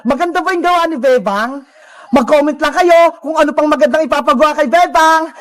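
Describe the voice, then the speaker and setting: A woman's voice: sits high, brisk, close to an everyday voice. A woman voicing a cheerful young cartoon boy who chats directly to the viewers. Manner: bright, addresses viewers directly. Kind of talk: cartoon voice acting.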